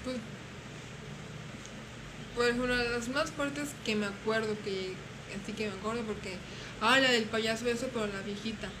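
A young woman telling stories in casual chat, animated and acting out voices. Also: fairly high pitch, normal speed, long pauses. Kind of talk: casual storytelling. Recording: noisy room.

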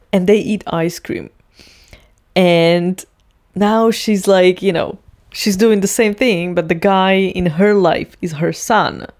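A woman's voice: on the low side, a little mellow. A woman casually retelling a TV scene, chatty and full of fillers. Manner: chatty, heavy use of fillers. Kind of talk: casual storytelling.

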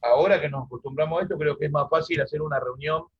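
Husky Argentine man on a video call. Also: a little high, fast, lo-fi sound. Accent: Argentine Spanish (rioplatense voseo). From Argentina, Santa Fe. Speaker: musician and music teacher guest. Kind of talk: casual interview conversation.

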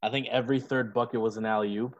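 A man's voice: medium pitch, fairly even intonation, fast. A man co-hosting a casual podcast chat, talking in a loose, profane and jokey way. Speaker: podcast co-host. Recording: slightly dull lo-fi sound.

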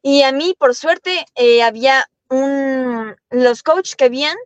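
A young woman from Ecuador, a racing driver, talking eagerly as a podcast guest, rambling quickly with many restarts. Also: high voice, clean tone, dry recording. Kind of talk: podcast interview. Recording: dull lo-fi sound, dry.

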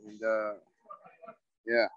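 Laid-back male fighter, flat monotone, relaxed interview answers. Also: on the low side, extremely slow, no room sound, lo-fi sound. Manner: laid-back, mellow, many "you know" fillers. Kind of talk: casual interview.

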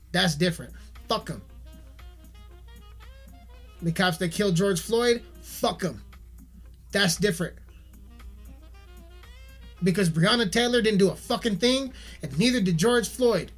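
A man's voice: high-pitched, expressive, a little slow, pauses often, fairly bright tone. A man giving a heated, profanity-filled video rant, swearing constantly and repeating himself, with faint music behind him. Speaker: musician ranting on camera.

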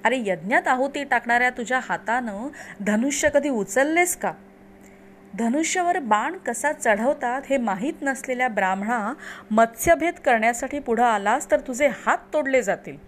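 Brief: a woman doing a furious scornful king, loud and slightly raised. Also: fairly high pitch, animated, moderate pace, a little hiss or hum, natural voice. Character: arrogant angry male king, scornful.

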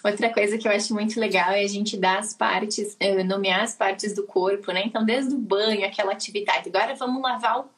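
A woman's voice: medium pitch, fairly quick, hardly any pauses. Brazilian woman hosting a casual chat. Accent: Brazilian Portuguese. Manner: relaxed, gives practical parenting tips with many tag questions. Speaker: podcast host, pediatrician. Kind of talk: casual conversational interview.

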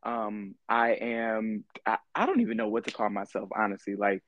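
A man in his twenties from California, chatting casually as a podcast guest, halting and easygoing, with lots of ums. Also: on the low side, fairly bright tone, lo-fi sound, slight background noise. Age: 20s. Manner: laid-back, halting, full of ums and laughs. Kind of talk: casual interview chat.

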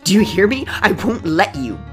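C J is an eighteen-year-old who deflects with dry jokes and puts themself down, as a narrator puts them on. The voice is mid-pitched with a gravelly grain. The scenes come from a read-aloud story. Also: animated, moderate pace, soft background music, lightly acted. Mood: wry. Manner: wry jokes over hidden hurt. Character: self-deprecating young person named C J, age eighteen. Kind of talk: audiobook character voice.

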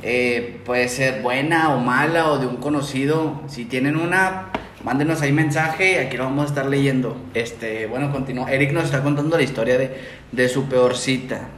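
A man with a Mexican accent hosting a podcast, relaxed and teasing, mostly chiming in with short reactions. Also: mid-range voice, normal speed, reverberant, slight background noise. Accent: Mexican Spanish. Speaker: podcast host. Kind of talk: casual chat. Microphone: podcast mic.

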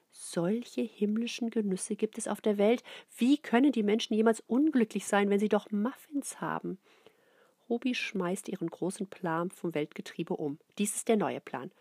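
A middle-aged woman reads a children's book aloud in an expressive way, often dropping into soft whispers. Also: medium pitch, slightly rough, dry recording, studio quality. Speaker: narrator.

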